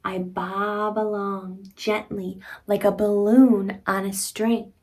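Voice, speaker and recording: A woman in her thirties reads a picture book aloud to young children, speaking expressively in simple, teacherly phrases and addressing the child directly. Her medium-pitched voice is a little mellow, with a flat delivery at a slow pace.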